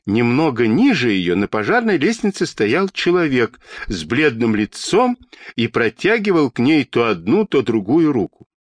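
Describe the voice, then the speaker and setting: A man reads a children's story aloud with a medium-pitched voice. His melody rises and falls richly as he narrates. The recording is close and dry, with no room sound. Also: very animated, moderate pace, dry recording. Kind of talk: storybook reading.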